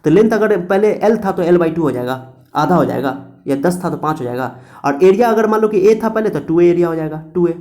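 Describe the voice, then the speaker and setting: A man's voice: sits high, expressive, a little fast, mellow. A man teaching a physics lecture to students, repeating key points and asking and answering his own questions. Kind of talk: classroom-style lecture to students.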